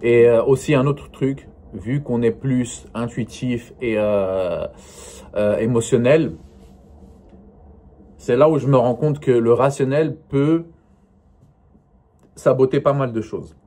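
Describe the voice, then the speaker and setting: A man's voice: medium pitch, slow, long pauses, dark tone. A man talking casually to camera in a vlog, rambling and hesitant, full of fillers and restarts. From not northern France. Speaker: vlogger. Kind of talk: casual solo vlog monologue.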